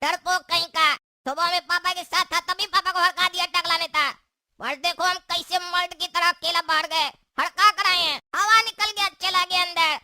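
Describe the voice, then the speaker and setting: A woman's voice: very high-pitched, steady tone, normal speed, bright, forceful tone, no echo, studio quality, full character voice. A woman voicing a boastful, cocky young male troublemaker in a cartoon, bragging and teasing. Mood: brash.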